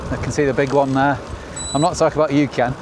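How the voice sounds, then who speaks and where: A man's voice: medium pitch, flat delivery, quick pace. Upbeat northern English man, noisy outdoor recording. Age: middle-aged. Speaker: cycling vlogger. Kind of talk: casual ride-along commentary to camera. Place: outdoors on a bicycle.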